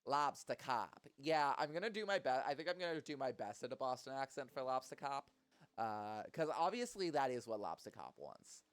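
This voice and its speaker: A man's voice: medium pitch, very animated, normal speed, no room sound. Playful, self-mocking man streaming. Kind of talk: casual live-stream chat.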